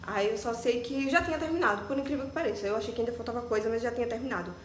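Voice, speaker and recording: A young Brazilian vlogger, voice on the high side, races through a personal story in a casual, animated way, peppering it with asides and fillers like "tipo" and "né." There's a little hiss or hum, and the room is echoey with faint ambience.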